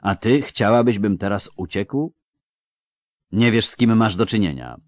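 A man doing a calm, steadfast knight. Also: lowish voice, unhurried, no room sound, studio quality. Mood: gentle. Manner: calm, matter-of-fact.

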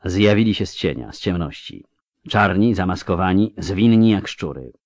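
Sex: man. Role: audiobook narrator. Style: dramatic fantasy narration. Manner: measured, expressive. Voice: low, lively, dry close mic. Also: no room sound. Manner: measured, dramatic, slowing for effect.

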